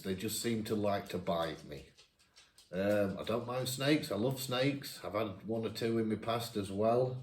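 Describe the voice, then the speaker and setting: Northern english guy, 50s, chatty q&a, lowish voice, echoey room. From England. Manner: chatty, reads each question out brighter and louder. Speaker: vlogger. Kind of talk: casual Q&A chat.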